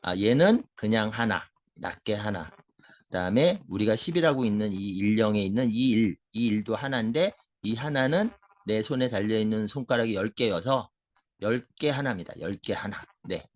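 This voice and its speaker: A man's voice: on the low side, highs cut off. A middle-aged man, a math tutor, explaining a concept to parents in an emphatic lecture style, asking questions and answering them himself. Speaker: math tutor and education consultant.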